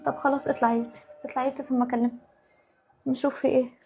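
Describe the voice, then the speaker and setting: A woman playing a harried Egyptian wife. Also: extremely high pitch. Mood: pleading. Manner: exasperated, pleading, quick rapid-fire talk. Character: harried young wife and mother, put-upon. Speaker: wife and mother in a family skit. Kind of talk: home-video family sketch acting.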